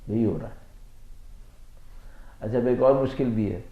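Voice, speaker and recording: Slow-storytelling Pakistani cleric in an echoey hall. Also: male voice, medium pitch. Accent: Pakistani Urdu. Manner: slow, storytelling with anecdotes and rhetorical questions. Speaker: Shia cleric. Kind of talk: religious lecture with storytelling. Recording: echoey, dull lo-fi lecture recording.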